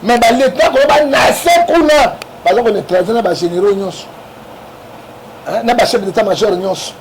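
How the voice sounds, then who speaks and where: A man from the Congo speaks with a Congolese French accent, his voice pitched high and rough with gravel. He argues hard, pushing his points and tagging them with quick questions to the listener. A steady noise runs under the recording. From Democratic Republic of the Congo. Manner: emphatic, keeps asking "hein?" to prod the listener. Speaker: interview guest. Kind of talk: animated political talk. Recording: noisy background.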